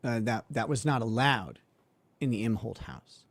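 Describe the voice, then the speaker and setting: A man's voice: mid-range voice, moderate pace, no echo. A man, a suspended lawyer, telling a story in a casual monologue with a sardonic, mocking manner, laughing and using lots of filler words.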